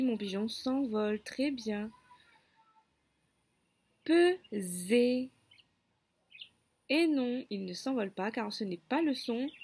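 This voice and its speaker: Lady teacher doing phonics with kids, slow careful voice, a bit breathy. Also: mid-range voice, darkish tone. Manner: slow, clear teaching voice, stretching words for listening drills. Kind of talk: phonics lesson for children.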